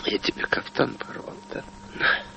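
An actor playing an aging, gray-haired, embittered playwright on stage, swinging between broken whispers and furious shouts. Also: male voice, moderate pace, a little hiss or hum, rough recording. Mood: grieving, whispering. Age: older. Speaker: lead actor in a stage play. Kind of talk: theatrical stage acting.

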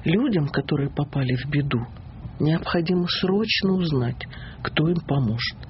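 A woman from the Kemerovo region talks as an interview guest, unhurried and sure of herself as she tells her story. The audio sounds a little dull, with a faint hiss running underneath. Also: deep voice, animated. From Kemerovo region, Russia.

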